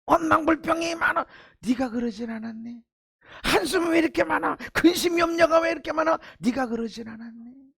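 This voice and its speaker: A man preaching a sermon as pastor, swinging from loud exhortation to hushed low asides and giving blunt, informal commands to the congregation. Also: a little fast, creaky. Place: church sanctuary.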